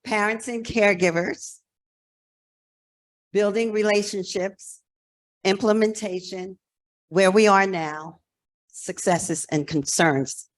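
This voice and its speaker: An executive director of a nonprofit, an American woman in her sixties from New Jersey, gives a conference presentation. Her voice is medium-pitched and she speaks slowly, pausing often, in a frank, emphatic, conversational style.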